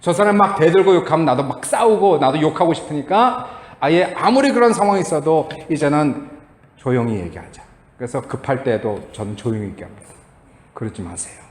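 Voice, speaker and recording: A middle-aged man preaching a sermon as a pastor, telling stories with animated acted-out quotes and chuckles. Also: a little high, slight background noise. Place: church sanctuary. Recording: echoey church hall.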